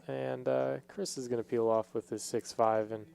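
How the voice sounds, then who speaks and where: A man commentates a poker game casually, in a relaxed, warm tone. His voice is smooth and clear, and he pauses and hesitates as he thinks each hand through. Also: mid-range voice.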